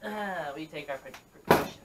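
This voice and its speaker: A young adult man chatting casually and haltingly as the jokey host of a vlog, recorded in a small bedroom. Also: on the high side. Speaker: host of a challenge video. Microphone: camera a few metres away. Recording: distant, noisy camera mic with clicks.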